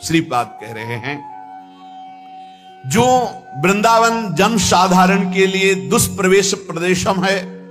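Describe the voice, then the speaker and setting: A man giving a devotional discourse as a spiritual teacher, slow and emphatic, breaking into chanted verses. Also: high voice, expressive, a bit bright, faint music behind. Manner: chants Sanskrit verses in a slow sung tone between plain explanation.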